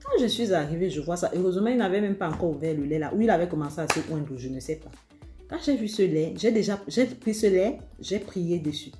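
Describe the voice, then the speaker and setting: A woman from Africa giving relationship advice to viewers in a casual, confiding way. She tells animated stories and addresses her audience directly. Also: fairly low pitch, brisk, roomy sound, faint music behind.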